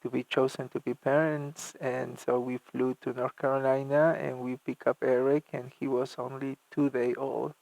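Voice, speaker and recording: Interviewed about his life, a middle-aged Argentine church music minister keeps pausing, restarting and filling gaps. His medium-pitched voice is flat in delivery, carries vocal fry and is a little mellow, captured in a dry but rough recording.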